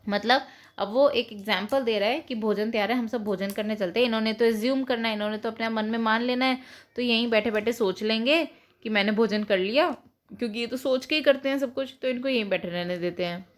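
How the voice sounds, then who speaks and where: A woman's voice: a little high, steady tone, brisk. A woman, teaching children by retelling a story and explaining it in simple words.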